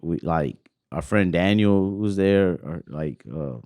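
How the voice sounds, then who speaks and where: A man's voice: deep voice, lively intonation, takes it slowly, darkish tone, clear, resonant tone, no echo. A young man hosting a podcast, telling a story in a rambling way full of fillers. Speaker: podcast host.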